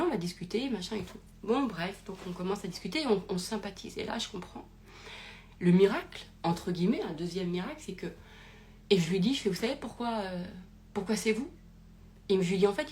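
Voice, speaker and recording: A woman's voice: on the low side, a little hiss or hum. Rambling woman telling a personal story. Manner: rambling, animated, with many fillers and restarts. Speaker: podcast host. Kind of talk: casual storytelling from an Instagram live.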